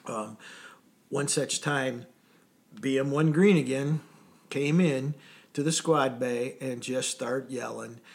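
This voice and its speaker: A man with a gravelly, creaky voice spins loose service anecdotes in an easy conversational way. He restarts his sentences, chuckles through the memories and keeps the tone relaxed, as a guest being interviewed. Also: mid-range voice. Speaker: interview guest, former Coast Guard sailor. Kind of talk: casual storytelling.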